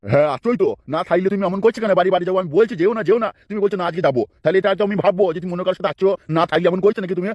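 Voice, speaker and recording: A man's voice: high voice, racing, few pauses, a little mellow, muffled recording. A man voicing a stubborn, suspicious husband in a comic cartoon dub. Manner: nagging, suspicious.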